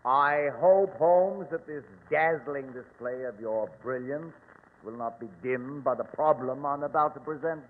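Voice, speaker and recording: An actor playing a flustered, officious English police inspector in old-time radio drama, emphatic, earnest and blustering. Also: male voice, medium pitch, close to an everyday voice. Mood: exasperated, worried. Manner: blustering, emphatic, halting repetitions. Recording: tinny, noisy, reverberant old radio recording.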